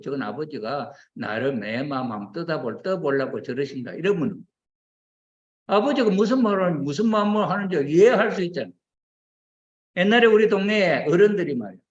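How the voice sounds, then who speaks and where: An older man preaching a sermon, questioning his listeners and acting out quoted voices as he goes. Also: a little high. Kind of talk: sermon to a congregation. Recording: roomy, dull lo-fi recording.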